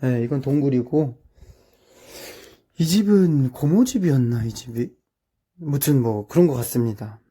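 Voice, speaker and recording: A young man from South Korea chatting casually through his childhood photos, with lots of drawn-out filler words and amused asides. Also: mid-range voice, lively intonation, warm tone, husky. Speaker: streamer.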